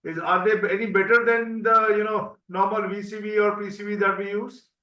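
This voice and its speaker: A man moderating an online medical Q&A over a bad video-call connection, halting with many fillers. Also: high-pitched, little pitch movement, bright, forceful tone. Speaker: webinar moderator. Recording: roomy, distant, dull online call audio.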